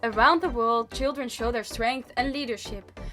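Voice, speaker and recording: A woman giving clear, even, scripted documentary narration. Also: a little high, normal speed. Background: background music.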